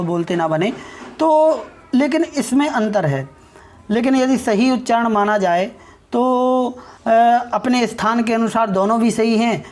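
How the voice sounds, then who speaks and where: A woman, teaching a pronunciation lesson. She talks very slowly, in a voice that sits a little high. She keeps checking in with her listeners and draws sounds out to demonstrate them. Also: a little mellow. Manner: slow and explanatory, often checks in with listeners; spells out and drawls sounds for demonstration.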